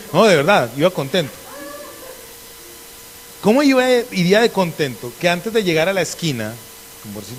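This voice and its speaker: A middle-aged pastor, a man from Colombia with an Antioquian accent, preaching a lively sermon and acting out conversations in different voices. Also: on the high side, a little hiss or hum. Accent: Antioquian Colombian Spanish.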